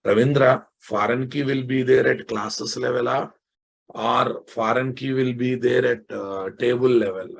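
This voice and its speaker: Husky Telugu-accented Indian man teaching, slow pace. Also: medium pitch, fairly even intonation. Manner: blunt, scolding, repeats phrases emphatically. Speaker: software programming teacher. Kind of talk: informal live online lecture.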